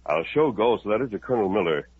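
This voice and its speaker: An actor playing the Lone Ranger, a calm, resolute masked hero, speaking in a steady, persuasive way in a 1950s radio drama. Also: male voice, lowish voice, quick pace, background noise, natural voice. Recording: tinny narrow old radio recording.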